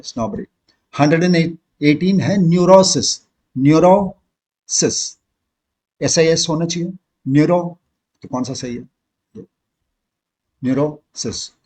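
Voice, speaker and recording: A middle-aged man with an Indian English accent leads an exam-prep lesson. His voice sits a little high and sounds husky. He reads example sentences slowly and spells tricky words out one letter at a time. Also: darkish tone. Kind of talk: classroom lesson.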